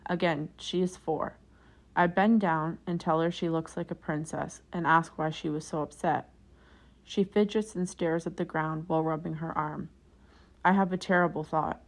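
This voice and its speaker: A woman reading a first-person forum post aloud as scripted narration, in a steady storytelling manner. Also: lowish voice, moderate pace.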